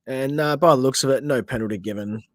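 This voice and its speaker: A man's voice: mid-range voice, fast, dry recording. Australian man, podcast host, chatty livestream football commentary, mid-range voice, dry close sound. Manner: chatty, frustrated asides at players, reads viewer questions. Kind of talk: casual livestream match commentary.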